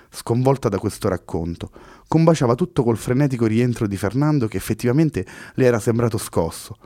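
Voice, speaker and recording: A man narrating a novel as an audiobook in a measured storytelling manner. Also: fairly low pitch, dark tone, no room sound, clean studio sound. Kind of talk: scripted narration.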